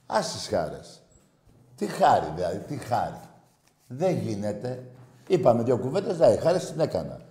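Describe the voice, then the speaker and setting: Brash shouting man on call-in radio. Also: medium pitch, sing-song, echoey room. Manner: brash, shouting, insulting callers. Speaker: radio show host taking calls.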